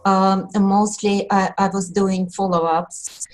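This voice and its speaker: A woman talks on a group call in a hesitant way, stopping often for ums and uhs. She speaks at a slow, unhurried pace. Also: mid-range voice, level tone, slight background noise, rough recording. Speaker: team member being recognized. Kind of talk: casual speech on a group call.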